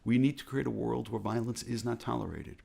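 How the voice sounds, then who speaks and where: Earnest and measured, an American rabbi from the United States reflects aloud, leaning on repetition to make his points land. His mid-range voice is steady and dark, with a heavy gravelly texture and a husky edge.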